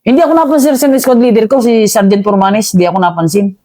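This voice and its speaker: A man, an army veteran, recounting combat in a casual interview, halting and calling the host "sir" again and again. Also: high voice, fairly even intonation, mellow, no echo.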